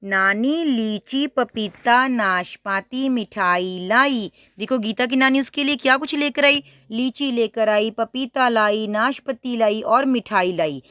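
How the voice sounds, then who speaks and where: A woman teaching a first-grade reading lesson, saying each word slowly and twice, then explaining to the child with questions. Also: fairly high pitch, fairly bright tone, clear, resonant tone, dry recording. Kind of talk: primary school reading lesson.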